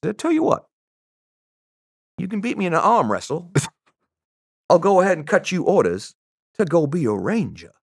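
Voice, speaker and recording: A man voicing a soft, teasing middle-aged Southern records clerk in a high, sing-song put-on voice with a Southern accent. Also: wildly swooping pitch, moderate pace, creaky, pauses often, breathy edge, no room sound, studio quality, exaggerated voice. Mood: coaxing. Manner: coaxing, playful, drawn out.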